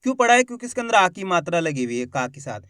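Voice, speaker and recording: A man's voice: high-pitched, sing-song, rapid-fire, fairly bright tone, clear, resonant tone, no room sound, clean studio sound. A man hosting an online Hindi lesson for beginners, who keeps reassuring the viewers and drills syllables one at a time, stretching the long vowels. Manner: emphatic, repeats assurances and calls the viewers 'friends'. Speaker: Hindi teacher, channel host.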